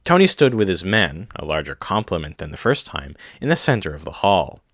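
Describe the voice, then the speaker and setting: A man narrates a science-fiction novel in a very low voice. The sound is dry and close to the mic, and his reading is steady and measured. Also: no echo. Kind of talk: scripted audiobook narration.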